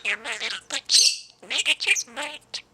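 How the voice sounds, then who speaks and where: A little budgie chatters in high, swooping mimicry of human words. The parakeet chatter is garbled and chirpy, looping short phrases. The recording is very noisy, with clicks and chirps. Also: very animated, moderate pace.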